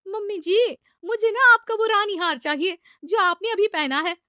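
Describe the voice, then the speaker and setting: A cheeky young bride from a cartoon story, voiced by a woman with a very high, bright voice. She talks eagerly and wheedles, and the recording is dry and close. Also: moderate pace, no echo. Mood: wheedling. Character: young newlywed daughter-in-law, bright and cheeky.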